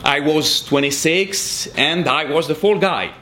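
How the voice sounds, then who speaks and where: A man from Belgium, speaking with the Belgian French accent of a native French speaker, performs a self-mocking story for an audience. His voice runs on the high side, a little slow, pushed and bright, and the live recording is noisy.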